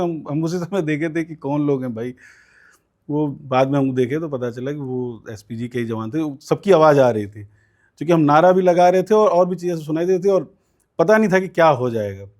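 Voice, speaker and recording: A man's voice: on the high side, normal speed, darkish tone. A man, a guest in an interview, telling a long story in a conversational way, with frequent fillers and quoted voices. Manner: recounts events at length with many fillers and quoted voices. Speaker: student politician guest.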